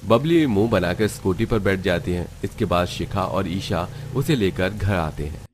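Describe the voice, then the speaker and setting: A man narrates a family cartoon in a steady storytelling style. His voice is very low and deep, and he reads the script evenly from scene to scene. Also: normal speed, slight background noise.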